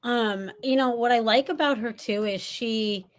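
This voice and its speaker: Book show host, woman, slightly high, enthusiastic casual interviewer. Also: a little slow. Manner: enthusiastic, laughs often. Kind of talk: casual chat.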